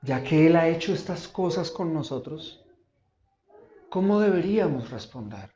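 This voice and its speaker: Male pastor, high voice, emphatic sermon delivery, recorded in a roomy church. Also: animated, warm tone, dull audio, slight background noise. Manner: emphatic preaching with dramatic pauses and repeated questions. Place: church auditorium.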